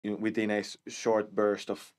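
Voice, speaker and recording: A man, a cinematics director, talking casually in an interview, halting with many restarts and fillers. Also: on the low side, monotone. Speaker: live action and cinematics director.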